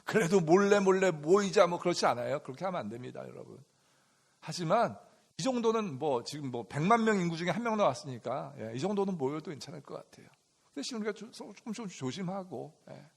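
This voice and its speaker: Middle-aged pastor guy, high voice, keeps asking the congregation stuff then answering it. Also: very animated, quick pace, creaky, slightly rough. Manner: asks the congregation questions and answers them himself; calls out loudly to stress a point. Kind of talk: sermon.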